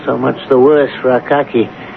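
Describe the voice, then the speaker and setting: A man's voice: mid-range voice, level tone, normal speed, vocal fry, natural voice. A man playing a genteel, self-satisfied senior clerk in a 1970s radio drama. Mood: puzzled, concerned. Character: self-satisfied male chief clerk, jovial and condescending. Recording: tinny, noisy 1970s radio broadcast.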